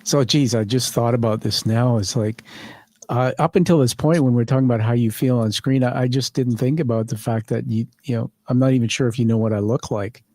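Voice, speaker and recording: Man, middle-aged, podcast host, friendly, rambling, medium pitch, dry close mic. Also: steady tone, brisk, darkish tone, no echo. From Canada. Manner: friendly, rambling, laughs easily. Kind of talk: conversational interview. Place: studio.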